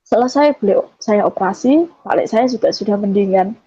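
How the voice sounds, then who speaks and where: A woman's voice: medium pitch, brisk, warm tone, husky, no echo. A woman from Java giving an earnest personal testimony, often quoting herself as she tells the story. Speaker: testimony giver. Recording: dull, dry recording.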